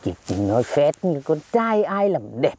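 A woman's voice: low-pitched, sing-song, normal speed, warm tone, breathy edge, exaggerated voice. A woman playing a stingy, grumpy old village grandfather who scolds bluntly in a comedy skit. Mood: grumbling.

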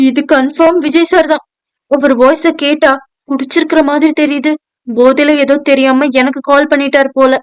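A woman's voice: high voice, level tone, normal speed, dry recording, natural voice. A woman voicing a polite, anxious young working woman who speaks respectfully to her boss, in an audio novel. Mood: startled. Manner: hesitant, respectful, addressing a superior. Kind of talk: audio novel dialogue reading.

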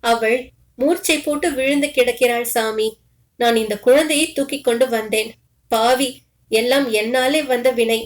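A broken, guilt-stricken beggar man confesses slowly and quietly, as a woman storyteller reads his lines. The voice sits fairly high and the pace stays slow and heavy. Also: steady tone, close to an everyday voice. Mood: guilty. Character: remorseful poor male beggar, sobbing and guilty.

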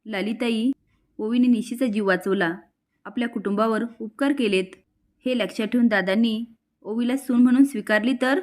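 A woman's voice: on the high side, moderate pace, a little mellow, lightly acted. A woman voicing a caring, worried middle-aged aunt in a serial recap, talking in an earnest, pleading way.

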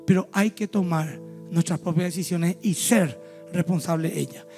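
A man preaching, his voice sitting high for a man. He tells stories as he preaches and slips into character voices. Soft music plays faintly behind him. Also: normal speed. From Paraguay. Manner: storytelling, acts out voices in anecdotes. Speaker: pastor. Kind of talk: sermon.

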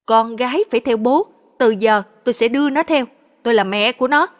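A woman's voice: on the high side, fairly quick, close to an everyday voice. A woman reading a story aloud, voicing an arrogant young woman who gives harsh, commanding orders. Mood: domineering.

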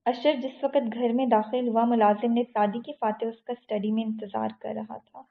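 A woman narrating a novel in a steady, even read. Her voice sits somewhat high with a gravelly, creaky texture. The audio is thin and tinny, like a phone line.

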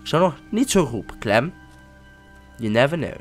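A man giving casual commentary while playing a game, excitable and often swearing or exclaiming. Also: medium pitch, moderate pace, music in the background. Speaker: let's-play gamer.

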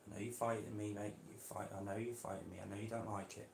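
A man keeping reptiles, chatting casually to viewers while gently coaxing and handling a snake indoors. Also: on the low side, steady tone, fast, creaky, roomy sound, slight background noise. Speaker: reptile keeper vlogger. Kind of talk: casual vlog. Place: indoor room.

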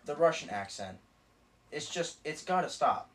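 Halting young man, far from the mic. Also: fairly high pitch, big pitch swings, a bit bright. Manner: earnest and halting, stumbling over repeats. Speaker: friend leading an intervention. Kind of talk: comedy sketch. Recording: distant mic with faint hiss.

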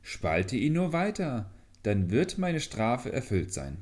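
A man's voice: medium pitch, big pitch swings, slow pace, a little mellow, pitched above the performer's own voice. A man voicing a plaintive bamboo youth. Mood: instructing. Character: tiny young man trapped in bamboo, pleading then commanding.

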